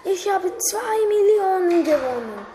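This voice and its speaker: A woman voicing an excitable young male basketball player, shouting with joy. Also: very high voice, slow pace, pitched above the performer's own voice. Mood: excited shouting. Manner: shouting, overjoyed. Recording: echoey hall with faint noise.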